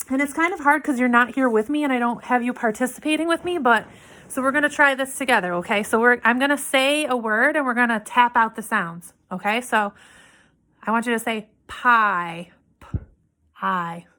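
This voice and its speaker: A woman teaching a phonics lesson to young children, sounding out words slowly and checking in with "okay?". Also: a little high, pushed and bright. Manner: slow, clearly sounding out words and letters; asks frequent "okay?" check-ins.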